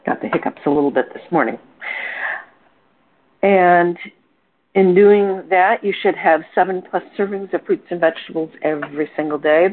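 This is a phone-line conference call where an older woman from Portland, Oregon hosts a wellness support call. Her fairly low voice comes through a telephone with slight background noise as she coaches informally, cheerful and chatty, with fillers and self-corrections.

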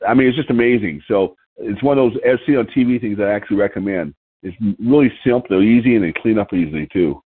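A man's voice: on the low side, fast talker, slightly rough. A middle-aged man reading out a list of snack tips and adding chuckling personal asides. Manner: reads items then adds chuckling personal asides. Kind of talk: casual talk, reading a list aloud with asides. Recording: tinny phone-like recording.

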